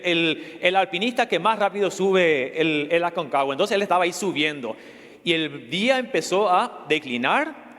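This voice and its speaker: Preacher telling dramatic stories. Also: male voice, sits high, a bit bright. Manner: dramatic storytelling with quiz asides. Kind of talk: sermon storytelling. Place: church. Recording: long church reverb.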